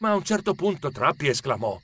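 A man narrating a children's story with expressive storytelling. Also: on the high side, quick pace, breathy edge.

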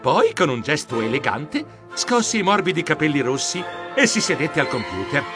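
A man narrating a children's adventure audiobook in the first person, with theatrical, expressive delivery. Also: on the high side, moderate pace, over music.

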